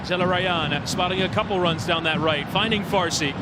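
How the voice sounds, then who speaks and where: A man calling a soccer match as play-by-play commentator, moving between measured calls and excited shouts. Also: high voice. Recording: loud stadium crowd noise behind. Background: roaring stadium crowd.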